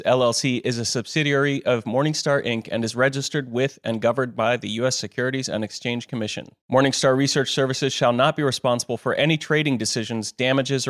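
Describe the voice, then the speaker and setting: A man announcer reading a scripted podcast outro and legal disclaimer in a formal, even manner. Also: mid-range voice, no room sound, clean studio sound.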